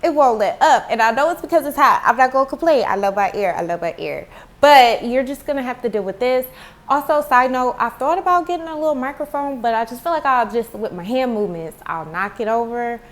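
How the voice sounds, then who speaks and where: A woman's voice: high voice, brisk. A woman chatting casually to viewers in a food review vlog, recorded at home on earbud headphones. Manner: chatty, talks to viewers as y'all. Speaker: food vlogger. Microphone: earbud headphone mic.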